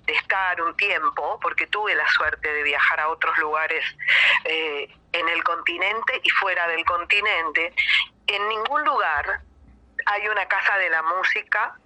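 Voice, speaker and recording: An Argentine woman in middle age speaks with a very bright, sharp tone. She talks effusively and at length, often restarting her sentences as she chats as a guest musician in an interview. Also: lowish voice, unhurried, rough recording. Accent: Argentine Spanish. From Buenos Aires province, Argentina. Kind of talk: casual interview chat.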